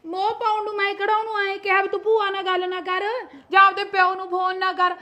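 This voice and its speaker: A woman playing a sharp-tongued protective mother. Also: a little high, brisk, lightly acted. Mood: arguing. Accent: Punjabi. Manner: argumentative, scolding, defensive. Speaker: sister-in-law. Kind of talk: homemade family skit.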